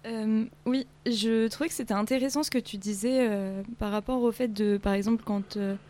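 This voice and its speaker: A woman's voice: a little high, fairly even intonation, moderate pace, dark tone. A woman on a call-in radio show, speaking thoughtfully and hesitantly with many fillers.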